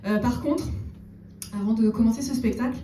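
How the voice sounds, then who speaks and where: A woman doing a stand-up comedy set on stage, chatting with the audience and slipping in deadpan ironic asides. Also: on the high side, normal speed. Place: theater stage before a live audience. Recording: roomy echo, distant mic, audible room noise.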